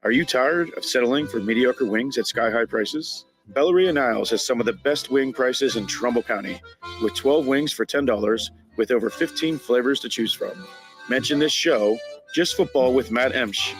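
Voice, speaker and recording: A man's voice: mid-range voice, normal speed. Upbeat male ad announcer over guitar music. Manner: upbeat salesy read. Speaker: radio ad announcer. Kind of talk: scripted radio ad.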